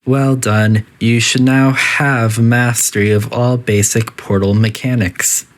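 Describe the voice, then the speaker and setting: In scripted game announcer narration, a synthetic voice portrays a quietly menacing, politely detached AI making formal, deadpan announcements inside a video game test facility. It sounds natural, with medium pitch, a slow pace, and a clinically polite mood.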